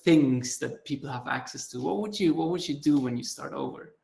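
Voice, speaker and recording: A man hosts a casual panel over a video call, friendly and halting, often doubling his words as he feels his way into a question. His voice sits in an ordinary middle range with a noticeably gravelly edge. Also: mid-range voice, a little mellow. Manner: friendly, hesitant, repeats words while asking questions. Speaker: panel moderator.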